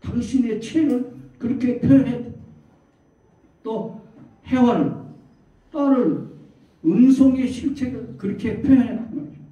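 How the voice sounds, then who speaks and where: A church elder preaches a sermon, posing rhetorical questions to the congregation and acting out quoted voices. His high voice, unhurried with long pauses and a dark tone, carries through a strongly echoing church hall. The recording is dull and distant, with faint background noise.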